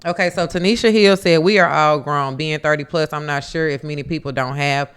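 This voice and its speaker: A man co-hosting a casual podcast, reading viewer comments aloud in a steady, plain way. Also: fairly high pitch, a little fast, smooth. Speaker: podcast co-host.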